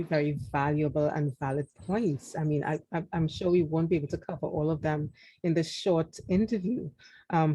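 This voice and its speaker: A woman's voice: deep voice, mellow, husky, no echo, rough recording. A woman hosting an interview, asking questions with an affirming, encouraging manner. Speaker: interviewer host.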